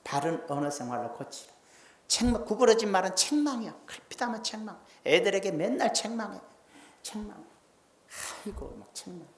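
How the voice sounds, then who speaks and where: Male pastor, lively folksy sermon delivery with loud and hushed turns, reverberant sanctuary sound. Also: sits high, fairly quick. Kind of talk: Sunday sermon. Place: church sanctuary. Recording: roomy church sanctuary echo.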